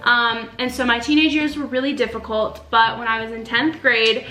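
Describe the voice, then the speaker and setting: A woman's voice: on the high side, fairly even intonation, normal speed, sharp tone. A young woman born in Romania, earnestly chatting in a casual sit-down faith vlog, with many ums and likes. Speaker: faith vlogger. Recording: roomy echo with faint music.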